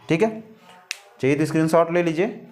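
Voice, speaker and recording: A man teaching English letter pronunciation, slowly repeating words and asking questions he answers himself. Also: on the high side, a little mellow. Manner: slow, repetitive, asks questions and answers them.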